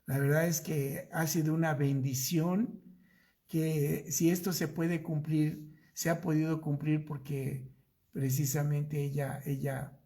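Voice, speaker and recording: A man's voice: fairly high pitch, flat delivery, warm tone. A middle-aged man with a Mexican accent, a pastor telling a personal story in a Bible study sermon and acting out dialogue. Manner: slow, drawn-out storytelling with acted-out dialogue.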